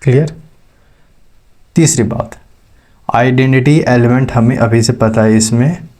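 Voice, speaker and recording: A man's voice: medium pitch, measured pace, darkish tone. A man teaching maths step by step, checking in with his students as he explains. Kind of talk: classroom lecture.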